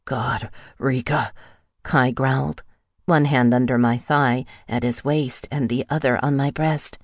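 A woman narrating a first-person romance audiobook in an intimate, breathy delivery. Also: rumbling low, steady tone, unhurried, no room sound, studio quality.

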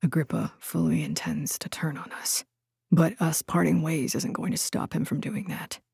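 Woman as wary young warrior man, hushed, clipped, low, dry. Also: fairly even intonation, normal speed, vocal fry, breathy edge, no echo, full character voice.

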